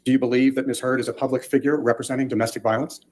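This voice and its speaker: A man's voice: medium pitch, little pitch movement, rapid-fire, darkish tone, slight background noise. A man speaking as a lawyer, putting formal questions to a witness in court.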